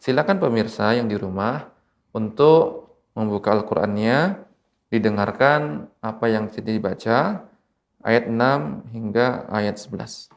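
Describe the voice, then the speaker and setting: A man from Indonesia teaching Quran recitation rules on television, speaking slowly and patiently and repeating each example word. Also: on the low side, vocal fry. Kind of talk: televised tajwid lesson. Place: TV studio.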